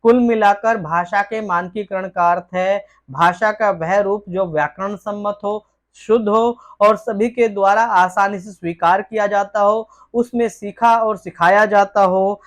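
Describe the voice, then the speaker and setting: A woman tutor giving an exam-prep lesson. She poses each question aloud, then reads out a formal, textbook-style answer at a steady, measured pace. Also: mid-range voice.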